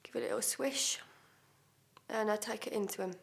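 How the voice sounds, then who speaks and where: A woman's voice: medium pitch, moderate pace, gravelly, close to an everyday voice. A woman acting a blunt, defiant woman, confessing under questioning in a swearing, hesitant self-tape monologue. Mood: cold defiant. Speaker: actor.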